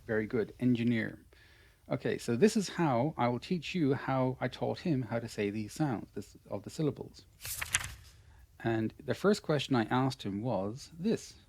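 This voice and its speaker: A man from Ireland, speaking with an Irish accent, teaches English pronunciation in an online lesson. His medium-pitched voice is expressive and a little slow, with a darkish tone. He's patient and encouraging, repeating his praise often.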